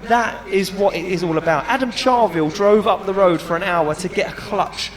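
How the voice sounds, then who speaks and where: A middle-aged motorsport commentator and announcer delivers live trackside commentary and chat, emphatic and enthusiastic, repeating phrases for effect. His voice is high-pitched at a moderate pace, with event crowd noise behind him.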